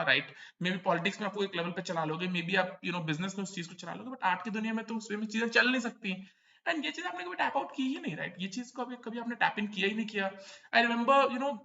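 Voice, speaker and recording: Man, high and bright, emphatic critic, dull lo-fi recording. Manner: emphatic, mixes Hindi and English, repeats points with rhetorical questions. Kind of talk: opinionated commentary. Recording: dull lo-fi sound.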